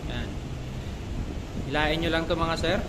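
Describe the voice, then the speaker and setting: Speaking at a measured pace in a slightly high voice, a motorcycle vlogger with a Filipino accent casually walks his viewers through a DIY job. He explains conversationally, repeats himself frequently, and background noise is present.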